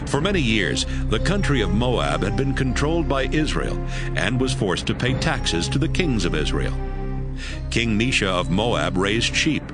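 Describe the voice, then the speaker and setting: With clear music playing beneath him, a low-voiced man narrates scripture in dramatized audiobook form. His delivery is richly expressive.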